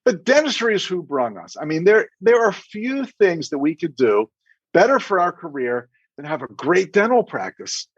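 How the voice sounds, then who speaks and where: The middle-aged man here is a dentist and practice coach appearing on a podcast, animatedly giving advice, telling anecdotes and playing out imagined conversations. His husky, high-pitched voice swings widely in pitch at a moderate pace. The recording sounds dry and dull.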